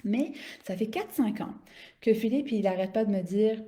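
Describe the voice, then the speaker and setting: Speaking at normal speed in a mellow, medium-pitched voice, this health coach and business owner shares personal stories on her live stream. She grew up in Saudi Arabia and Dubai in a Syrian-Canadian family. Her unscripted talk is casual, full of hesitations and repeated little words as she reaches for what comes next.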